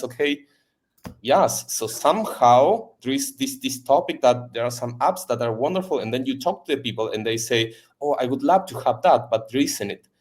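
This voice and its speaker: Halting and full of fillers and repeats, a medium-pitched Argentine man chats casually as a podcast guest in an interview. He is a native Spanish speaker with a marked Argentine Spanish accent.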